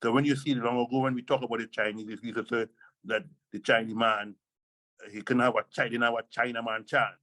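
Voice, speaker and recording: A man's voice: medium pitch, flat delivery, quick pace, bright, forceful tone, no echo. Older man, Rasta speech, elder's oratorical reasoning, emphatic, repetitive phrasing, close dry recording. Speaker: Rastafari elder being interviewed.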